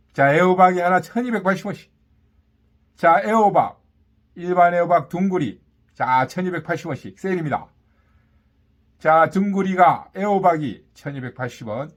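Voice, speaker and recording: A man with a slightly high voice delivers a live market vendor's sales pitch. He calls out items and prices in short, punchy phrases, repeating them and tossing in boastful catchphrases to sell the deal. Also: fairly bright tone. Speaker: market vendor announcing produce and meat prices. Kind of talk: live sales patter, calling out prices and specials.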